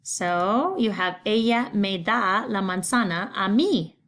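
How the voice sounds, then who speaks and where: A woman's voice: medium pitch, takes it slowly, a bit bright. A middle-aged woman, patiently teaching a recorded Spanish lesson, explaining grammar step by step. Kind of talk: recorded remote class lesson.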